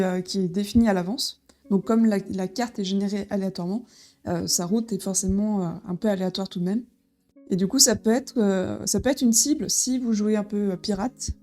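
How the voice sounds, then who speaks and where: A woman's voice: medium pitch, a little mellow. A woman casually presenting a board game as she unboxes it, with frequent fillers and restarts. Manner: hesitant, many fillers and restarts.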